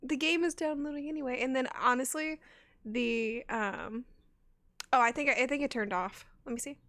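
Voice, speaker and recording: A woman's voice: high-pitched, moderate pace, sharp tone, dry recording. A woman streamer in casual live-stream chat, chatty and self-mocking, laughing often and swearing casually.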